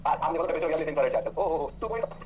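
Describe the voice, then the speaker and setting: A male physics teacher, giving a rapid lecture and answering his own questions the way a student would. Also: on the high side, expressive, a little mellow, a little hiss or hum. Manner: drawn-out exclamations. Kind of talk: fast classroom lecture.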